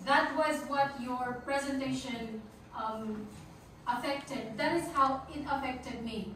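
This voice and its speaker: A woman's voice: sits high, slow pace, a bit bright. A woman in an audience making informal, conversational comments and asking a question. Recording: echoey noisy room, distant mic.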